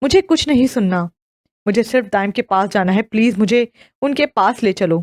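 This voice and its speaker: Woman plays a frantic young wife in an audio novel, pleading, higher voice, dry. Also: lively intonation, dry recording, natural voice.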